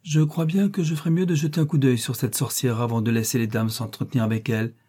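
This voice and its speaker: A man's voice: mid-range voice, steady tone, quick pace, dark tone, slightly rough, pitched above the performer's own voice, close to an everyday voice. A man voicing a hearty, declaiming army colonel in a storybook reading.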